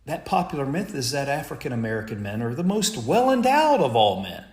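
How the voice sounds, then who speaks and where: A man voicing a confident young woman lecturer who explains things calmly and politely. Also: medium pitch, brisk, close to an everyday voice. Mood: poised, explaining. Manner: poised, matter-of-fact explaining. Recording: echoey room.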